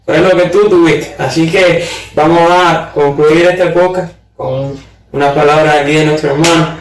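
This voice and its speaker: A man hosting a podcast who speaks in a calm, reflective way. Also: fairly high pitch, moderate pace, crowd noise. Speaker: podcast host. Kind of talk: casual chat. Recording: echoey, distant from the mic.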